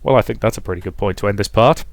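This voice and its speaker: In a dry recording, a fairly low-pitched man with vocal fry narrates a visual novel rapid-fire. As a let's player, he reads the story aloud and rambles through casual asides.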